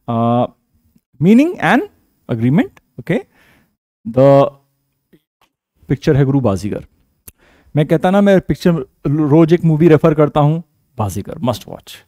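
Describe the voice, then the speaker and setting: A man's voice: fairly high pitch, warm tone, dry recording. A man with an Indian English accent, teaching vocabulary in a casual online lesson, chatty and joking, calling his students 'beta'.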